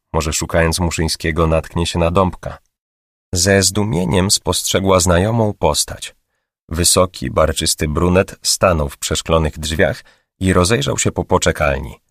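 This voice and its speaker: A man calmly narrating an audiobook in a steady reading voice. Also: low-pitched, unhurried, creaky, no room sound, clean studio sound. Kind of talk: scripted narration.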